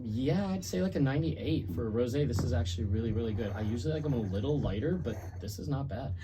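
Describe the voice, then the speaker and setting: A man working at a wine bar, explaining wines in tasting terms during a relaxed chat. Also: mid-range voice, fast talker. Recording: distant mic, faint room noise.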